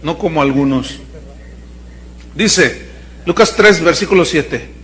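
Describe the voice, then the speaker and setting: A man's voice: fairly high pitch, slow, a bit bright, slight background noise. A man with a Mexican accent preaching a sermon in a chatty, storytelling way, often checking in with his listeners. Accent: Mexican Spanish.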